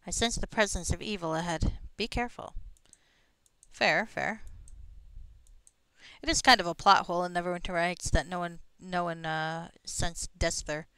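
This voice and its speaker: A woman's voice: fairly low pitch, fairly even intonation, normal speed, sharp tone, clear, resonant tone, dry recording. A woman giving casual gameplay commentary as a streamer, musing wryly to herself with plenty of swearing. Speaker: game streamer. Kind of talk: casual gameplay commentary, reading dialogue aloud.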